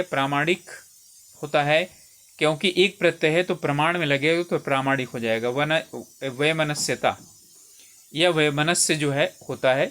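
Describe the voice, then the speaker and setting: A man's voice: a little high, fairly bright tone, clear, resonant tone. A man working as a Hindi exam tutor, taking listeners through spelling questions one by one, repeating each word and often checking in with "theek hai". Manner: explains step by step, repeats words and says "theek hai" often.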